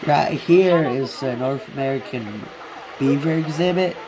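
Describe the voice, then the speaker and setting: A man's voice: mid-range voice, a little slow, crowd noise, low-quality recording. A man who is sick with a stuffed, congested nose gives a casual, hesitant, rambling walkthrough of a video game. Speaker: gamer giving a video game tour.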